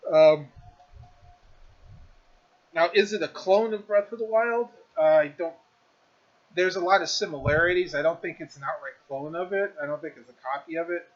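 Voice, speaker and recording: A man chats through a relaxed review of a game he has been streaming, stumbling over restarts and fillers as he goes. His voice sits a little high for a man. The stream audio is a bit dull and lo-fi. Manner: rambling, many fillers and restarts. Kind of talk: casual game review chat.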